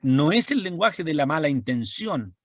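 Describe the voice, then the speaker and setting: A male teacher explains poetry slowly, repeating words and pausing with fillers. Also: fairly high pitch, very animated, no echo, studio quality. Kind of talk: recorded language lesson.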